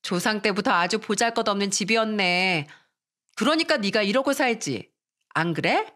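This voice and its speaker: A woman's voice: mid-range voice, expressive, moderate pace, fairly bright tone, lightly acted. A woman voicing a spiteful, haughty schoolgirl who taunts a poorer classmate in a sneering tone.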